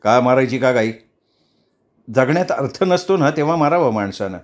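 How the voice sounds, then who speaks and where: A man's voice: medium pitch, expressive, moderate pace, close to an everyday voice. A man doing a blunt, sardonic gang boss. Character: blunt male gang boss, middle-aged, mocking.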